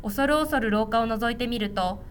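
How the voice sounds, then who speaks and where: A woman reading a storybook aloud to young children in a gentle, clear, instructive way. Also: on the high side, moderate pace, slight background noise.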